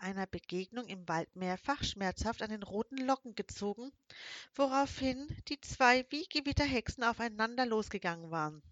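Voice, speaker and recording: A woman reads a children's fantasy audiobook aloud, telling it in a lively, expressive way. The recording is dry and slightly dull, like a close home setup. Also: mid-range voice, no echo. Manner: lively storytelling with shifting emphasis. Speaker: audiobook narrator.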